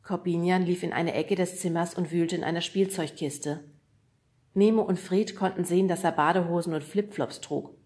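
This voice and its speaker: A woman reading a children's book aloud as audiobook narrator, calm and clear. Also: on the low side, normal speed. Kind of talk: scripted narration.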